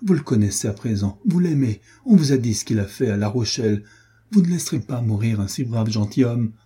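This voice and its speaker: Give me a man voicing a desperate young noblewoman in a storybook, pleading in a high, strained, husky voice. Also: expressive, a little fast, mellow. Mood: imploring.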